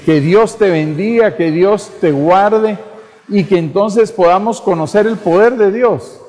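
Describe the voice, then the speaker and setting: A man's voice: high voice, a little mellow. A man preaching a fervent sermon, repeating phrases and calling the listeners brother. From Guatemala. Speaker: pastor. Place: church. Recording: church hall reverb.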